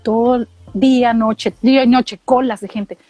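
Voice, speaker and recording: A middle-aged woman from Mexico with a Mexican accent, telling animated, slangy stories in casual chat and acting out what people said. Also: fairly high pitch, moderate pace, no room sound, faint music behind. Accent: Mexican Spanish. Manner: animated storytelling, slangy, acts out quotes.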